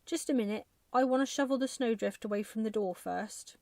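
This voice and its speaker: A woman voicing an anxious, devoted, easily bewildered husband in a soft ASMR bedtime storybook reading. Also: on the high side, fairly quick, no room sound, lightly acted. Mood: puzzled. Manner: plaintive, emotional, wondering.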